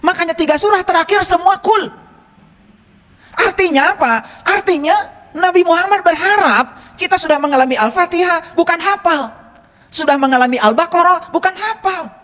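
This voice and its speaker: A man's voice: very high voice, moderate pace, bright, forceful tone. A male religious teacher gives a teaching lecture, teasing his listeners with rhetorical questions. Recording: long reverb from a hall.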